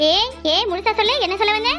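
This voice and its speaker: A woman voicing a sharp-tongued young village wife in a cartoon, scolding her husband with sarcastic retorts. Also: very high voice, fast, faint music behind. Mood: teasing. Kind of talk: cartoon voice acting.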